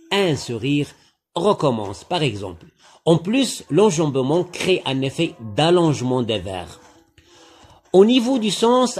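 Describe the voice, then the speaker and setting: A man giving a literature lesson, analysing a poem slowly and deliberately, spelling out syllables. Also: fairly high pitch, a little mellow, breathy edge. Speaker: literature teacher. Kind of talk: lecture-style poem analysis.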